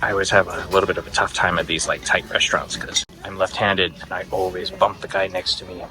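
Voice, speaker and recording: A man's voice: low voice, level tone, quick pace, music in the background, poor audio. A man hosting a food vlog, giving casual, informal and enthusiastic commentary on what he eats. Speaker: food vlogger and host.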